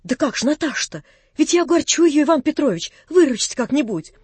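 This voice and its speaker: A woman voicing an excitable, impulsive young man in love, pleading and rapturous, her voice raised high above her own. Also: quick pace, dry recording.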